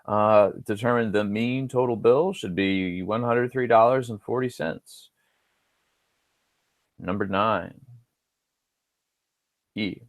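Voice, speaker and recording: A male instructor walks through homework answers shown on screen, thinking aloud in a casual way and dropping dry little asides. His voice is mid-range, with no room sound in this screen recording.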